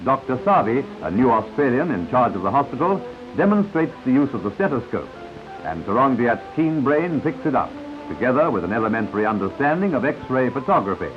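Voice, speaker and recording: A man's voice: medium pitch, big pitch swings, a little fast. Man narrating an old newsreel. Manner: confident announcer delivery with asides to the viewer. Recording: dull lo-fi 1950s newsreel soundtrack. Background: newsreel music.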